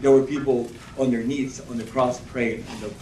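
A man giving a halting testimony at a church meeting, restarting his sentences often. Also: medium pitch, steady tone, a little mellow, slight background noise. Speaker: outreach volunteer reporting. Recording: echoey room, distant camera mic.

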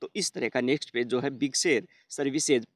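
A tech tutorial host narrates a screen-recorded how-to, talking a little fast in a mid-range voice. He guides viewers through each step, calling them friends and repeating fillers a lot. The sound is clean studio audio with no room sound.

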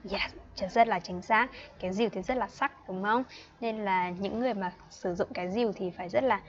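Young woman, northern vietnamese accent, kids' english teacher, patient, playful, slightly dull audio. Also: mid-range voice. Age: 20s. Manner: patient, repeats words slowly for children; chatty and playful, laughs often. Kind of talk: online livestream class.

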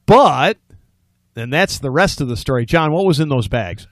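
A man's voice: a little high, animated, moderate pace, dry recording. A man co-hosting a home improvement talk show, chatty and jokey. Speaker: co-host. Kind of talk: casual chat.

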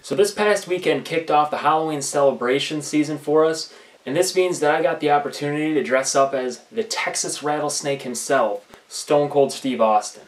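Here a young man who vlogs and prank-calls people speaks at a moderate pace, his pitch leaning high, in a loose, deadpan ramble. It's captured indoors in a small home room by a camera a few feet away, with a distant, echoing quality.

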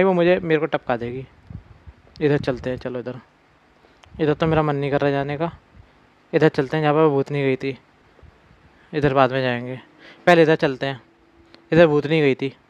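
A man's voice: on the high side, steady tone, normal speed, long pauses, smooth, no room sound, lo-fi sound. Jumpy young man playing a horror game. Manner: jumpy, scared exclamations, talks to viewers as brothers. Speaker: gaming YouTuber. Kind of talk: horror game let's play commentary.

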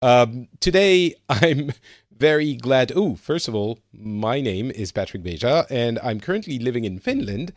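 French-born male podcast host, lively pitch, dry close mic, chatty with filler words. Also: measured pace, no echo. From France. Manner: animated, lots of fillers and restarts. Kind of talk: casual podcast chat.

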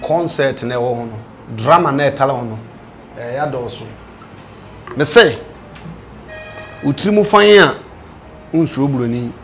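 In an indoor studio, a middle-aged man with a Ghanaian accent talks politics in an animated way, switching between languages, asking pointed questions and repeating phrases for emphasis. His mid-range, fairly bright voice keeps a normal speed but pauses often, with slight background noise.

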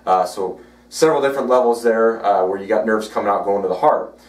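A man who works as a chiropractor, giving an educational video blog talk, halting with many fillers. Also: on the low side, echoey room, recorded from a distance. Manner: halting, frequent "uh" and "you know" fillers.

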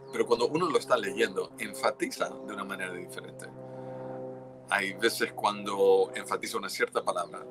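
A man teaching in a sermon, his voice low and grounded. He urges the listeners with steady earnestness. He often repeats a word before finding the rest of the thought. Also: slightly rough. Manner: earnest, exhorting, frequent restarts. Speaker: pastor.

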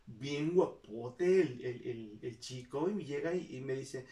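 Speaking in an extremely low, mellow voice at a measured pace, a Mexican-accented woman vlogger animatedly shares personal stories with her viewers and imitates the people she quotes. The mic is set back, giving a roomy, distant sound.

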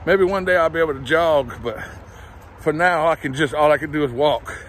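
A man's voice: a little high, fairly quick, fairly bright tone, a little hiss or hum. Middle-aged man, casual walking vlog, chatty, a touch out of breath, phone mic outdoors. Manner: chatty, rambling, self-deprecating. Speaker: vlogger. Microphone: phone held while walking.

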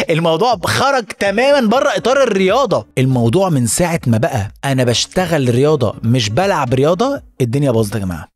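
Egyptian male podcast host, exasperated satirical monologue, very fast delivery, swears freely. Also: a little high. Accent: Egyptian Arabic. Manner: profane ranting, mixes in English words; exasperated, appeals to listeners.

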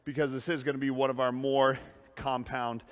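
A man's voice: medium pitch, little pitch movement, moderate pace, smooth, in a large hall. A man coaching a workout as a personal trainer, upbeat and out of breath between sets, in a gym. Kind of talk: workout coaching while lifting.

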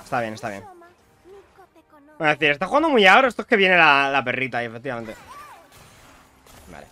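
A young man from Spain with a Spanish accent, chatting excitedly to viewers while commentating his own gameplay. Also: mid-range voice, brisk, faint music behind. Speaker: streamer playing a video game.

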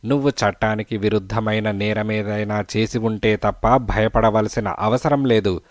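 A man voicing a calm, kindly male detective in an audiobook, questioning a witness with gentle patience. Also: fairly low pitch, normal speed, dry recording, studio quality, natural voice. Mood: gently probing.

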